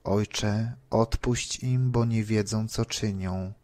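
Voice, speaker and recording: A man's voice: fairly low pitch, steady tone, takes it slowly, a little mellow, no echo. A man reading the words of a dying, forgiving man on a cross, solemnly.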